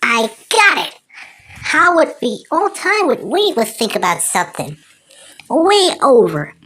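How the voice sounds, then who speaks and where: An amateur performer voicing a cocky, excitable cartoon woodpecker who rambles and exclaims to himself. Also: mid-range voice, measured pace. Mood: scheming, upbeat. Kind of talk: amateur cartoon character impression.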